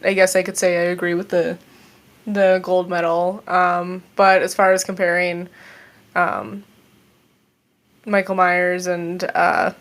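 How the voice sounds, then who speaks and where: A woman's voice: fairly low pitch, flat delivery, takes it slowly, pauses often. A woman appearing as a guest on a podcast, talking casually and hesitantly, with many fillers.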